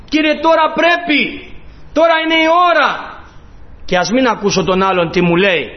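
High-voiced man preaching a fervent sermon. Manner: fervent preaching, voicing quoted pleas and rising to loud emphasis. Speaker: priest. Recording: dull lo-fi recording.

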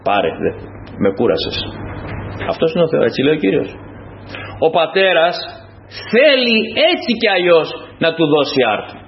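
A man's voice: very animated, gravelly. A man preaching a sermon to his congregation, dramatic and full of rhetorical questions. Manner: dramatic, rhetorical questions, swinging from loud high to low quiet. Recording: dull lo-fi recording with faint noise.

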